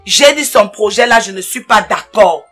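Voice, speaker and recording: A woman's voice: mid-range voice, normal speed, a bit bright, soft background music, lightly acted. A woman playing a scolding, dismissive older sister in a comedy sketch. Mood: complaining. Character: bossy older sister who spent his money.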